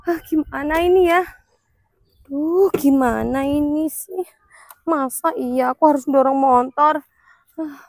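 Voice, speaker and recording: A woman's voice: high voice, dry recording, studio quality. A woman playing a fretful middle-aged wife, complaining about her bad luck in a comedy skit. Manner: fretting, complaining to herself.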